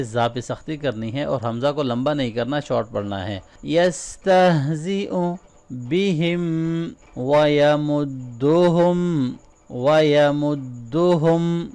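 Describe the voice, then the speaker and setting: A man teaching Quran recitation. He explains each rule quickly, then recites the words slowly and drawn out. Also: medium pitch, a little mellow. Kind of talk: tajweed lesson, quick explanations between slow recitation.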